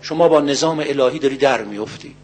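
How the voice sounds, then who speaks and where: Older guy preaching a sermon, kinda raspy, asks the crowd questions, chants verses slow. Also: medium pitch. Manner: earnest, rhetorical questions, recites Arabic verses slowly. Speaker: cleric. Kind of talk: religious sermon.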